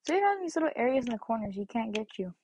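A woman's voice: on the high side, big pitch swings, very fast, darkish tone, a little hiss or hum. A woman giving casual, goofy gameplay commentary, talking to herself as she plays. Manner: playful, goofy, talks to herself. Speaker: gameplay streamer.

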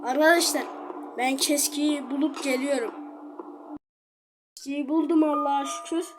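A high-pitched woman gives loose, excitable commentary as she plays a game, calling out to her viewers as she goes. Clear game music plays loudly behind her voice. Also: measured pace. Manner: chatty, excitable, talks straight to viewers. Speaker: gaming channel host. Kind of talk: casual gameplay commentary.

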